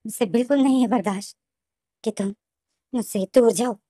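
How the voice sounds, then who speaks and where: A woman's voice: on the high side, normal speed, dry recording, clean studio sound, natural voice. A woman doing an angry, possessive young lover. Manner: forceful, insistent demands.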